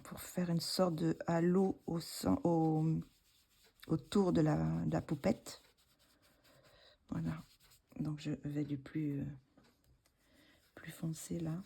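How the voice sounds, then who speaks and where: French woman, low husky voice, mellow tone, relaxed hesitant tutorial talk. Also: takes it slowly, long pauses. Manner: relaxed, hesitant, thinking aloud while working. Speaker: art tutorial host. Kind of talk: casual craft tutorial narration.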